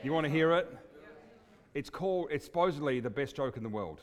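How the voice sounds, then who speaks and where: A man's voice: fairly high pitch, lively intonation, brisk. A man preaching at a church service, chatty and hesitant with many fillers, his voice ringing with a long church reverb like a cathedral. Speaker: guest preacher. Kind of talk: sermon with storytelling.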